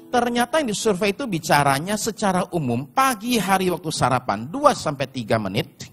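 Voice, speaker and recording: A man delivers a sermon to his congregation, weaving in stories and direct address. His voice sits a bit high and swings widely in pitch. Faint music runs underneath. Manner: storytelling with shouted put-on voices and congregation address. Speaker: pastor.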